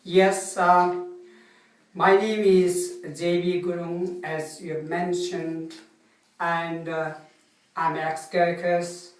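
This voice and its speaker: An older man from Nepal with a Nepali accent, a retired soldier answering interview questions politely and haltingly, with many fillers. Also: sits high, flat delivery. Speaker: guest, retired Gurkha soldier. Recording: echoey room, mic some distance off.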